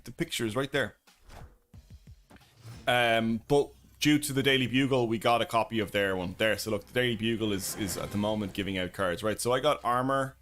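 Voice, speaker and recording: A man who streams and hosts on YouTube casually comments on his own card game as he plays live, thinking aloud and greeting viewers in chat. His voice is mid-range with a sharp tone.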